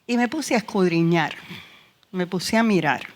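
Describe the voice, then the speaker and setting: A woman with a Puerto Rican accent teaching a church discipleship class, emphatic and lively, speaking straight to her students. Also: lowish voice, a little slow. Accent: Puerto Rican Spanish.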